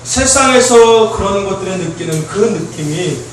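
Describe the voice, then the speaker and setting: A male youth pastor giving a lively sermon to teenagers, shouting, joking and acting out kids' excited reactions while quizzing them. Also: sits high, moderate pace, slight background noise. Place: church hall. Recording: roomy echo from far off.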